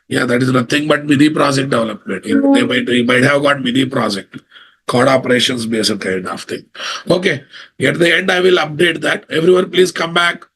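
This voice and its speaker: A man's voice: medium pitch, a little fast, fairly bright tone, slight background noise. A man with a Telugu Indian English accent teaching an informal live online class as an instructor, repeating phrases and checking understanding with questions. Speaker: software instructor.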